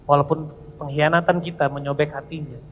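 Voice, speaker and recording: A man's voice: level tone, fairly quick. Man preaching in an echoing hall. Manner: swings from loud, high emphasis to hushed near-whispers; casual slangy speech with English phrases mixed in. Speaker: pastor. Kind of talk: personal testimony sermon. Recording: reverberant hall, faint rumble.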